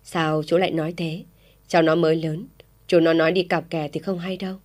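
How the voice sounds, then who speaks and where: A woman voicing a gentle widowed village mother speaking softly and placatingly. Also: deep voice, little pitch movement, a little fast. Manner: soft, placating.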